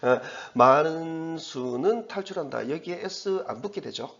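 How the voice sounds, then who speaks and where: Lively, gravelly-voiced male teacher. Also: on the high side, a little slow, highs cut off. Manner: explanatory, self-correcting, frequent fillers and restarts. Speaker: English teacher. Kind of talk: recorded lecture explaining an exam passage.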